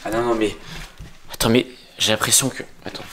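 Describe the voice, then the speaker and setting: A young man in his twenties filming himself in a dark house, talking to his viewers in a hushed, suspenseful voice. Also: on the low side, steady tone, brisk, a crowd in the background. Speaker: youtuber acting in a home short film. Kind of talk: vlog-style acted sketch narration. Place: dark rooms of a house, indoors. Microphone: phone camera at arm's length. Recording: echoey rooms with background noise.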